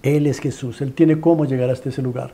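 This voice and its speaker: A man's voice: medium pitch, fairly even intonation, a little fast, dark tone. A man with a Colombian accent preaching a sermon as a dramatic story, stacking rhetorical questions and repeated phrases in a pleading way.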